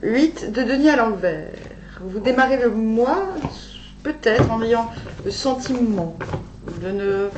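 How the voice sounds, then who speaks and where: Slow-talking woman wearing a dental retainer. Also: on the high side, animated. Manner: halting, thinking aloud with pauses and self-corrections. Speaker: tarot reader. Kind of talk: informal monthly tarot reading to viewers. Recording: echoey room, dull sound, faint hum.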